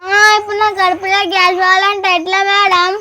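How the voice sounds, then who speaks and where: A very high, childish girl's voice. She whines and pleads in a playful village comedy skit, as if begging to get out of trouble. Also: level tone, brisk, sharp tone, dry recording. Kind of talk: playful sketch acting.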